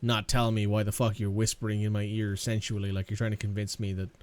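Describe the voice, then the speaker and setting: A man's voice: lowish voice, level tone, quick pace, a little mellow, clean tone. A man casually commentating while playing a video game, sarcastic and swearing freely. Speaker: gaming channel host. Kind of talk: let's play commentary.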